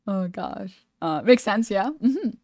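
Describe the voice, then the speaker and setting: A woman's voice: medium pitch, expressive, slow, darkish tone, dry recording, studio quality. A woman streamer giving casual reaction commentary, chatty and full of fillers, swearing freely.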